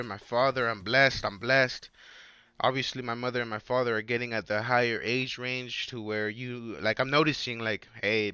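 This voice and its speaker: A man in his twenties chatting casually on a livestream with a hoarse, worn-out voice, rambling in slang and repeating his phrases. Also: medium pitch, bright, forceful tone, no room sound. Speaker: live game streamer.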